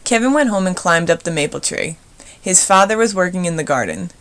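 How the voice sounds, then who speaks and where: A woman's voice: lowish voice, expressive, fairly quick, fairly bright tone. A woman narrating a children's storybook expressively as its reader.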